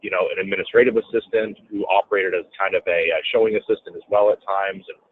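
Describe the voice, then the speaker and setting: A deep-voiced, fast-talking real estate businessman appears as a guest in a casual interview, animatedly narrating a story and acting out quotes in a raised voice. The tinny, phone-quality audio has slight background noise.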